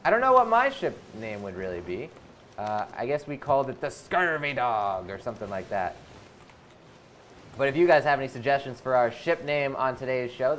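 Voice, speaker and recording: A man's voice: mid-range voice, fairly bright tone, a little hiss or hum. A man hosting a live game stream, chatting casually and reading viewer comments aloud between moments of play. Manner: casual, lots of uh fillers, reads comments aloud.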